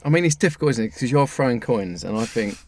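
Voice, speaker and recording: A man's voice: mid-range voice, animated, quick pace. A man in casual football chat, hesitant, weighing both sides of the issue. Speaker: football fan pundit.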